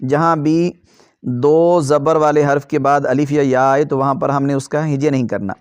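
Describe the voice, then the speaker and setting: A man teaching Quran reading who chants letter drills slowly and explains quickly in between. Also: a little high, steady tone, a little mellow, smooth, dry recording. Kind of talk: slow drilled recitation lesson.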